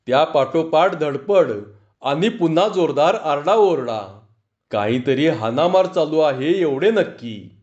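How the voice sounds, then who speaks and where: Man narrating a village story. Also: on the high side. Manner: expressive narration with acted dialogue. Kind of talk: Marathi story reading. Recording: dull lo-fi recording.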